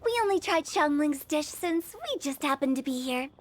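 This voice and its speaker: An actress voices a playful, eccentric young woman who directs a funeral parlour in a game, sounding chatty, teasing and theatrical. Her high, expressive voice moves at a normal speed with a cheeky, breezy mood in this animated voice acting. A clear music bed plays behind her.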